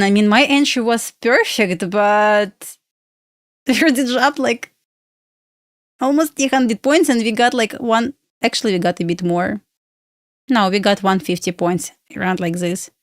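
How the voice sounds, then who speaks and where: On the high side, her voice is recorded at studio quality with no room sound. She's a bubbly futures day trader from Belarus, first language Russian, giggling through casual live stream chat in loose, non-native grammar.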